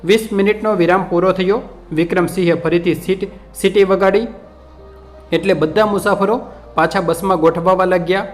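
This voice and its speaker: A man's voice: high-pitched, fairly even intonation, moderate pace. A man narrating an emotional story in a dramatic scripted telling. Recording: narration over soft background music.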